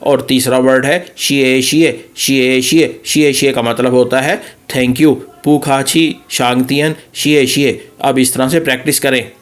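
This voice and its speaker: A man teaches pronunciation over slides, slowly repeating sounds for practice. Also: mid-range voice, fairly even intonation. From Pakistan. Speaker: language teacher. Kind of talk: slide-based pronunciation lesson.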